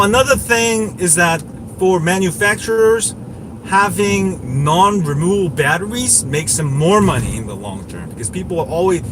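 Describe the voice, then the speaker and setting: Pitched a little high, the livestream host answers viewer questions about tech in a casual chat, with clear background noise behind him. His delivery wanders, pushes strong opinions and circles back over the same points.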